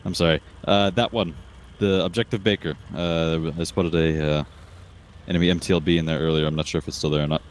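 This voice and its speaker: A man's voice: rumbling low, fairly even intonation, brisk, a little hiss or hum. A man playing a military simulation game, giving casual, hesitant reports over comms.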